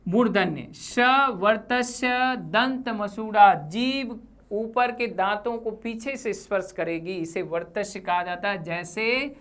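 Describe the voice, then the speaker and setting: A woman teaching Hindi grammar for exam preparation over slides, saying each sound slowly with example words. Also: medium pitch. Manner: slow, deliberate, spells out sounds with example words. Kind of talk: exam-prep lesson.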